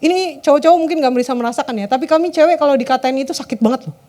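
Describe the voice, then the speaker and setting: Brief: woman youth preacher, high bright pitch, chatty and direct with the crowd. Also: very fast. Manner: conversational, keeps addressing the audience, lets phrase ends drop low and soft. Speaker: youth service speaker. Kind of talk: sermon.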